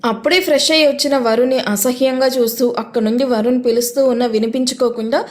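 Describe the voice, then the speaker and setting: A woman narrates a dramatic romance story in a steady, expressive way. Her voice sits a little high. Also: fast.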